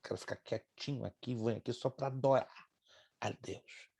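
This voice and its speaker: A pastor in his sixties teaching a Bible class, telling a personal story in an animated way and acting out the voices in it. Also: mid-range voice, moderate pace, gravelly, husky. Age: 60s. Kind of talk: sermon-style lesson with personal story.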